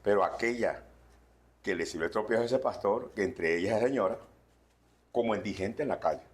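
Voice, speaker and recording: Emphatic pastor preaching. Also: male voice, brisk. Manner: emphatic, swings between loud warnings and low asides. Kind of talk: sermon.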